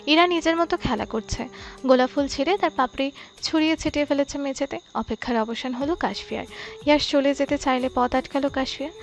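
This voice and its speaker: High pitched lady telling a love story, calm and even. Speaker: story narrator. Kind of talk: scripted narration.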